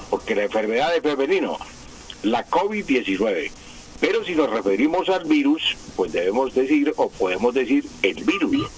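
A man's voice: mid-range voice, slight background noise. A man, a language expert on a live radio news show, explaining patiently with frequent hesitations and repetitions over a phone line. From Colombia. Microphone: phone line to the studio.

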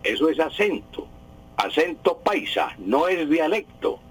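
Husky man explaining on radio. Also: fairly high pitch, big pitch swings, measured pace, low-quality recording. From Colombia. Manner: explanatory, repeats key words. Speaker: language expert answering listener questions. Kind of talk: radio Q&A segment. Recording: radio broadcast.

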